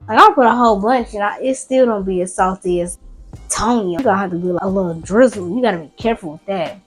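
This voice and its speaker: A woman rambles in an easygoing, chatty way to her viewers as she cooks in her home kitchen. She sounds worn out and yawns between thoughts, speaking at an everyday middle pitch into a camera close by. Soft music plays quietly underneath. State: tired, yawning. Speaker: cooking vlogger. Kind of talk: casual cooking chat.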